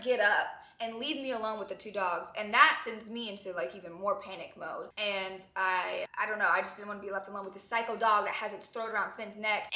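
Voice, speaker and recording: A young woman vlogger telling an emotional story, tearful and animated as she talks. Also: medium pitch, roomy sound.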